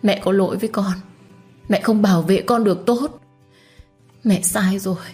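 A woman's voice: medium pitch, warm tone, pitched above the performer's own voice, natural voice. A woman voicing a sobbing young wife in a storybook. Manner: sobbing and pleading. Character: young woman grieving a lost pregnancy.

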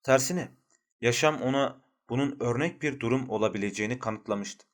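A man reads a literary novel aloud in a steady audiobook narration. His voice sits at an ordinary middle pitch for a man, and his delivery stays measured and even.

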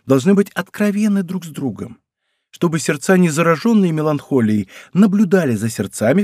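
A man's voice: darkish tone, dry recording, studio quality. A man reading an audiobook, voicing a young court lady who speaks with mocking irony. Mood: lecturing. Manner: ironic, chatty, raised pitch. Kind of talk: audiobook character voice.

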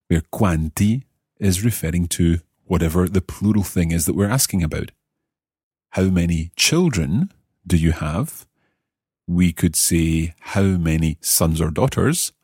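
Deep-voiced male language teacher, slow and clear. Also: darkish tone, dry recording, clean studio sound. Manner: clear, deliberate teaching delivery, slowing down for example phrases. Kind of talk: podcast language lesson.

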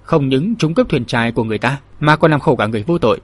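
A man's voice: medium pitch, expressive, racing, no room sound, lightly acted. A man reading as a righteous young swordsman. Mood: firm. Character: young male martial hero, righteous, calm.

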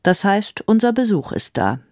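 A woman's voice: mid-range voice, big pitch swings, moderate pace, no room sound, clean studio sound, pitched above the performer's own voice, close to an everyday voice. Woman voicing a scornful vengeful queen. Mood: dry, calm. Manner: scornful, sharp retorts. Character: proud vengeful queen, cold and cutting. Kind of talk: audiobook character voice.

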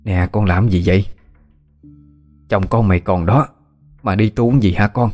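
A man voicing an anxious old mother who scolds briskly. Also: on the low side, a little mellow, lightly acted. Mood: scolding.

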